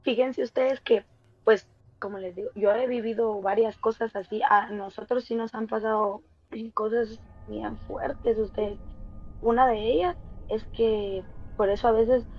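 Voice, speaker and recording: A woman's voice: fairly high pitch, fairly even intonation, measured pace. A woman, earnestly telling a personal story as a guest and speaking straight to her listeners. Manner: earnest, often addresses listeners directly. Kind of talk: casual storytelling. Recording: dull lo-fi sound.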